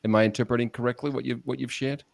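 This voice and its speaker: A man's voice: mid-range voice, steady tone, very fast, creaky, no room sound. A man hosting an interview, asking long, hesitant questions and restarting them often. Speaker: podcast host, interviewer.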